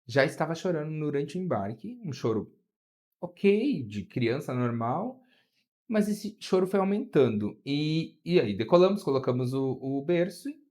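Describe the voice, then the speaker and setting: A man with a Brazilian Portuguese accent, a flight attendant appearing as an interview guest, tells a story animatedly, his pitch climbing as it builds.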